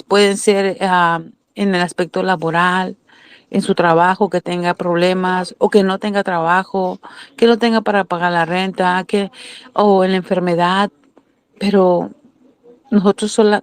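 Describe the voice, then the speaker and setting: A woman's voice: mid-range voice, clean tone, no echo. A woman with a Mexican Spanish accent giving a sermon-style Bible lesson, earnest, asking questions and answering them herself. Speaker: Bible teacher.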